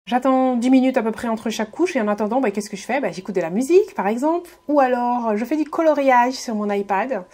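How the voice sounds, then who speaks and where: A woman's voice: a little high, quick pace, hardly any pauses, darkish tone. A woman giving a casual beauty tutorial voice-over, friendly and hesitant, with many fillers and restarts. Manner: friendly, addresses viewers directly. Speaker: beauty vlogger.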